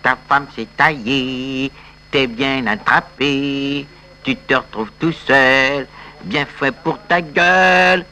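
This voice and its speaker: A man's voice: medium pitch, sharp tone, soft background music, pitched below the performer's own voice. A man voicing a sadistic fellow who taunts a crying friend in a comic sketch. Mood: gloating. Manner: taunting, relishing, drawn-out. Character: sadistic man gloating over a weeping friend.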